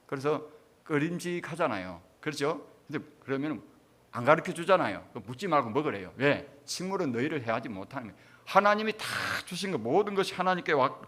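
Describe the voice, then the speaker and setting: A man's voice: on the high side, very animated, a little fast, a bit bright. A middle-aged man, a pastor preaching a sermon with emphatic rhetorical questions to his congregation.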